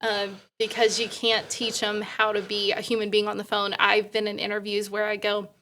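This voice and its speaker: A woman who owns an insurance agency, a podcast guest telling lively stories and acting out the dialogue. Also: medium pitch, moderate pace, slight background noise. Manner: lively storyteller, acts out quoted dialogue. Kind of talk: casual interview chat.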